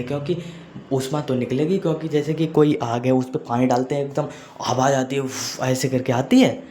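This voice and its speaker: A man's voice: mid-range voice, mellow. Male teacher, echoey room. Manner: repeats points, frequent "theek hai" check-ins. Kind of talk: chemistry lecture to students. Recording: echoey room with faint noise.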